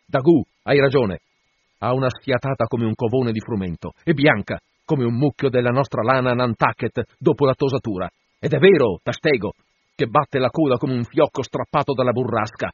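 A fierce, tormented whaling captain acted by a male narrator rallies his crew in grand exclamations. The voice is loud, raised and husky, full of obsessive command. It is an audiobook performance with a slightly dull, dry sound. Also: medium pitch, normal speed, dry recording, lightly acted. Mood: exultant. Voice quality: forceful shouting delivery.

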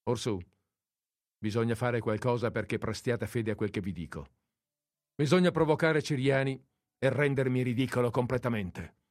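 A man reading as a proud, smitten young gentleman in a storybook, earnest and pleading, with a lively, rising and falling delivery. the sound is close and dry. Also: medium pitch, moderate pace, no room sound, lightly acted. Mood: serious.

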